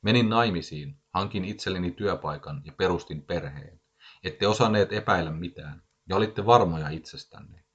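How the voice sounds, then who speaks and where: A man's voice: low voice, husky. A man voicing a paranoid, furious gunman of about forty who makes threatening, ranting accusations, heard in a dull lo-fi recording.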